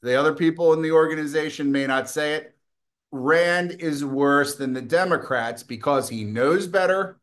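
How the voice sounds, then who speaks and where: A man's voice: on the high side, fairly bright tone. A middle-aged man hosting a political commentary show, delivering a combative, scornful and profane opinion monologue, with occasional coughing.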